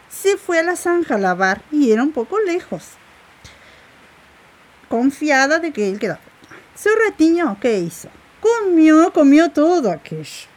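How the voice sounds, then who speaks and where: A woman with a northern Uruguayan border accent telling a folk tale aloud, mixing Spanish and Portuguese words in an animated, repetitive way. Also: high-pitched. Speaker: storyteller. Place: rural home.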